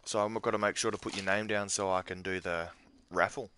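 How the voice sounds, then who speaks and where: A man's voice: on the low side, fairly even intonation, a little fast, pushed and bright, smooth. An Australian man giving casual, profane commentary as he plays a shooter, joking with his teammates. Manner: swears often, joking banter with teammates. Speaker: gaming streamer. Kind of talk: casual live gameplay commentary. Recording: game gunfire noise under voice. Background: game gunfire and effects.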